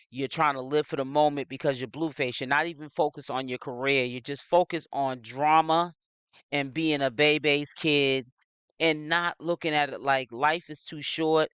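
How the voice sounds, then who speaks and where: A channel host delivers an opinionated gossip monologue on his own commentary channel, sounding preachy and scolding and repeating phrases for emphasis. His mid-range voice is clear, resonant and a bit bright, with no room sound.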